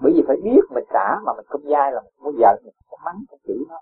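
A man gives a dharma talk in a husky, somewhat high voice. He explains patiently with everyday examples and soft chuckles. The sound is thin and lo-fi, like a phone line. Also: sing-song, quick pace. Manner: gentle, chuckling, homely examples. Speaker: Buddhist teacher. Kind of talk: dharma talk answering a follower.

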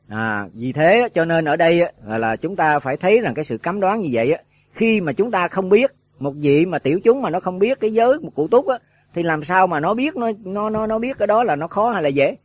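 A man's voice: high voice, expressive, normal speed, no room sound. A man giving a rambling dharma talk to monks, full of filler words and rhetorical questions. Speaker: Buddhist monk teacher. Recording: dull lo-fi dry recording.

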